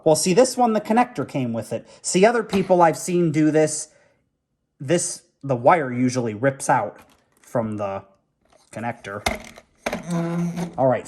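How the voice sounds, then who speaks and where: Man, casual toy review, rambling and chatty, thinking out loud, mid-pitched voice, faint background noise. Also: expressive, a little slow. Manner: chatty and rambling, thinks aloud while working with his hands. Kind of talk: casual hands-on product review.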